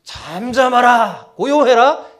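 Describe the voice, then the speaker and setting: A stern male master's voice put on by a man, issuing slow, drawn-out commands at rising volume. Each word rings high and forceful, and the pitch swings widely between phrases. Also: very animated, exaggerated voice. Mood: stern commanding. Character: commanding male teacher rebuking the storm and his followers.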